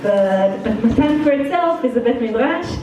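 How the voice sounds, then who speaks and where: A middle-aged woman from Israel with a part-Israeli, part-Brooklyn accent talks informally to students in an indoor study hall, casual, frank and self-deprecating in her role as guest speaker. She sounds a little high and expressive, at a moderate pace. Background noise is present, and the mic sits far away in a very echoey hall.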